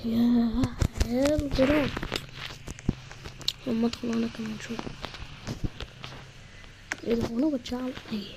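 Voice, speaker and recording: High-voiced Egyptian woman voicing game characters. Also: steady tone, normal speed, pauses often, noisy background. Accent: Egyptian Arabic. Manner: playful, bickering, switches between voices. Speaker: gamer.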